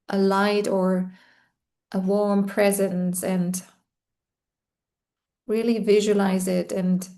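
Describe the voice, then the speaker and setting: A woman guides a meditation in a soft, soothing way. Her voice is warm and mellow, and her pitch barely moves. She talks very slowly and leaves long pauses between phrases.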